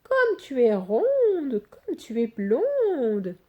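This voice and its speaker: A woman voicing a sly male fox in a children's storybook, drawling flattery and pretending to be old and hard of hearing. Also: sits high, highs cut off, voice pushed up, heavily acted. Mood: sly, coaxing. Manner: slow, wheedling, fakes being old and deaf.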